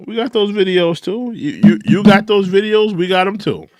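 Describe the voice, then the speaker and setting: A man in his thirties delivers reaction commentary with a lively, swinging voice that sits a little high. He sounds incredulous, circling back to the same points and talking straight at his target. The sound is close and dry. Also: normal speed, no room sound. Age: 30s. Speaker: commentary channel host.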